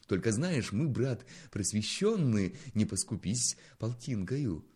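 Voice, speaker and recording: A man voicing a fawning, condescending petty palace servant who wheedles for a bribe, his voice somewhat raised and louder. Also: lowish voice, big pitch swings, unhurried, husky, full character voice. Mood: wheedling.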